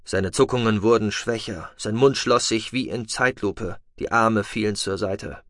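A man's voice: fairly low pitch, unhurried, dry recording, clean studio sound. Man narrating a sci-fi audiobook. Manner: steady, even storytelling.

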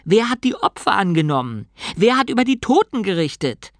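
A woman's voice: mid-range voice, very animated, brisk, no echo, clean studio sound, voice pushed up. A woman voicing an earnest, naive young male novice monk who stammers when shocked, in an audiobook. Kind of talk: audiobook character voice.

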